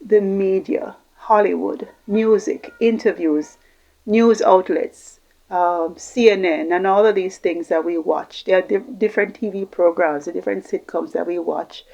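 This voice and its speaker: A middle-aged Jamaican woman, a communication coach, speaks unscripted to camera in a warm, creaky, mid-range voice, unhurried and steady, rambling through long lists of examples. The lo-fi recording sounds slightly dull.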